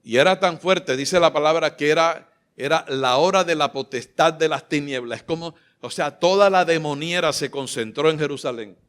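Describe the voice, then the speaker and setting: A man preaching a sermon, impassioned and fervent, climbing to loud exclamations and at times choked with emotion. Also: fairly high pitch, moderate pace, hardly any pauses, clear, resonant tone. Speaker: pastor. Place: church sanctuary.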